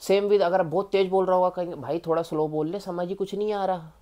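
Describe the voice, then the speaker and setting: A man's voice: high-pitched, steady tone, fast talker, dark tone. A man with an Indian accent giving a casual spoken tutorial on exam preparation, chatty and informal, speaking straight to the viewer. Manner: chatty and informal, calling the viewer "yaar" and "bhai".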